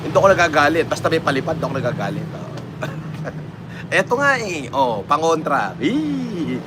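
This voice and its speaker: A man's voice: on the high side, sing-song, moderate pace. Mocking Filipino man on a noisy live stream. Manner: mocking, laughs often. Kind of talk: casual live-stream chat, reading comments.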